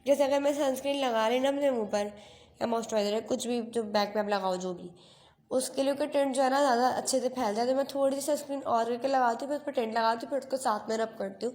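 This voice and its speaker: A woman's voice: a little high, a little mellow. A teenage girl narrating a casual get-ready-with-me vlog, chatty and self-mocking, mixing English phrases into Hindi, recorded on a phone camera at home. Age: teens. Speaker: vlogger. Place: bedroom at home.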